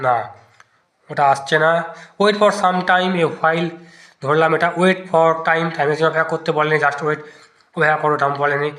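A man's voice: on the high side, a bit bright. A man teaching an exam-prep lesson, thinking aloud as he tests each answer option in turn. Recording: echoey room.

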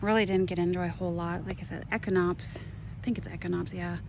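A fast-talking gardening vlogger from Minnesota speaks in a fairly low, slightly mellow voice with fairly even intonation. She casually, spontaneously shows off her garden outdoors, wandering between exclamatory remarks. The handheld outdoor recording is noisy, with clear background ambience.

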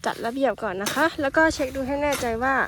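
A woman's voice: high-pitched, fast, background noise. Thai woman explaining farm work. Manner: polite, explains step by step, adds soft particles. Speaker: farmer demonstrating field work. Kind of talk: casual instructional talk.

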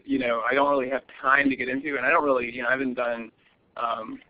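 A man's voice: medium pitch, flat delivery, fast. A man presenting a webinar as a lawyer, answering audience questions cautiously with many fillers and restarts. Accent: American. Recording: muffled lo-fi webinar audio.

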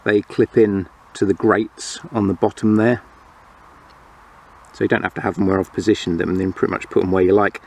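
A man casually narrating a toy playset review, explaining the features in a relaxed way. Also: fairly low pitch, brisk, husky.

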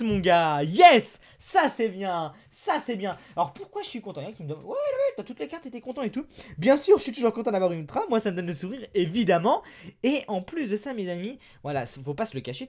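A man with a French accent chatting excitedly to his viewers while opening trading card packs. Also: high voice. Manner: excitable, chatty, exclaims over cards. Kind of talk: casual unboxing chat.

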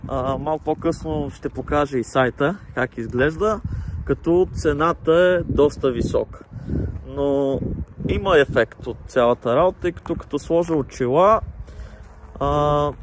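A man's voice: on the high side, slight background noise. Young man talking through a face mask. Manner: plain, explanatory, with pauses and fillers. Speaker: vlogger reviewing gear. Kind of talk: casual product review.

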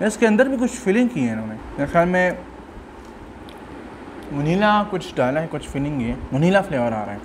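A man chats casually while chewing, his mouth full of donut, muffling his relaxed review. His voice sits a little high for a man. A faint fan hum runs behind him indoors. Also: moderate pace, long pauses. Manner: chatty, relaxed commentary. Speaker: food vlogger. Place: indoor room with a fan running.

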